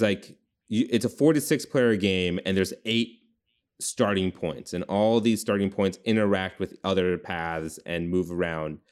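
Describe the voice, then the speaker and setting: A man's voice: low voice, darkish tone, clean tone. A young man chatting casually on a podcast, rambling through ideas with lots of "like". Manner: rambling, heavy use of "like". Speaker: podcast co-host. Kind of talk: casual brainstorming chat.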